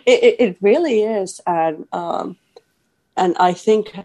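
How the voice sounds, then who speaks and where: A woman's voice: mid-range voice, slow, warm tone. A woman, a guest talking earnestly in a casual interview, with many fillers and restarts. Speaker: podcast guest, author.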